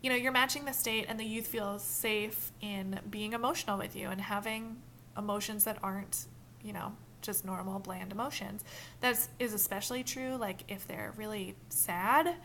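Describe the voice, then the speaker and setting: Lively bright-voiced woman trainer. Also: medium pitch, normal speed, a little hiss or hum. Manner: animated, acts out quoted examples. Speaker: mentor trainer. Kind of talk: casual training talk.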